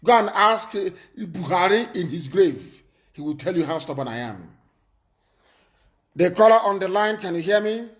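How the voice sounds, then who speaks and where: Expressive and fairly bright, this man's voice sits high and moves at a normal speed as he hosts a live call-in stream. He commands the conversation, hammers his points repeatedly, and scolds the people who call in.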